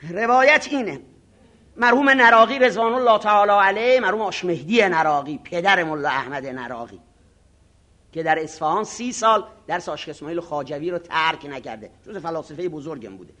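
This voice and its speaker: A man preaching a moral sermon to seminary students, acting out arrogant voices and mocking himself. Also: on the high side. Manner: animated, acts out arrogant voices, self-mocking; chants Arabic scripture slowly. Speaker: cleric teaching ethics.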